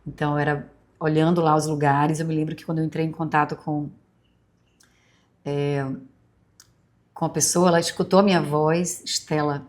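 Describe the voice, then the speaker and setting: Speaking low and slow with a level tone, this podcast host, a woman in her forties, carries a Bahian Brazilian accent mellowed by life in Rio. She reminisces in a meandering monologue, peppered with fillers and digressions, intimate as if among confidants.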